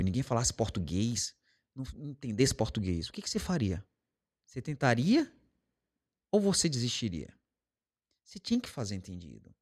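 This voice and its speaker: Brazilian guy, english teacher, chatting casual, gives lots of examples, speeds up and slows down. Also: medium pitch. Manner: explains with everyday examples and acted quotes, varying pace. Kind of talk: casual monologue to camera.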